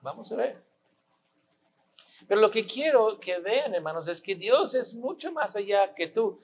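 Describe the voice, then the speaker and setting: A man preaching a sermon in a high, unhurried voice. He drives his points home with rhetorical questions and repeated lines. The recording sounds a little muffled. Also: lively intonation. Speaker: pastor.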